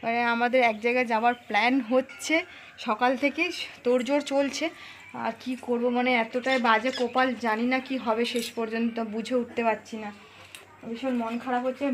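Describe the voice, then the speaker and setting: A woman's voice: fairly high pitch, a little hiss or hum. A woman vlogging at home in her kitchen, chatting straight to her viewers in a casual way. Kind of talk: casual home vlog narration.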